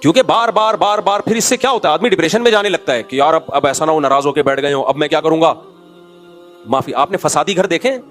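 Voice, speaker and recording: Middle-aged preacher, higher-pitched male voice, chatty scolding sermon, faint music underneath. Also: fairly bright tone. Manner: conversational, scolding, acts out quoted voices. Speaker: mufti giving a religious talk. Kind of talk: informal sermon with anecdotes.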